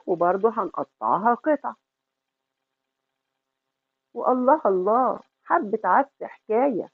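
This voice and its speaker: A woman's voice: fairly high pitch, slightly rough, no room sound, phone-quality sound. A middle-aged woman with an Egyptian accent hosts a home cooking tutorial. She talks affectionately, calls the viewer sweetheart, and asks and answers her own questions. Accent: Egyptian Arabic. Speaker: cooking channel host.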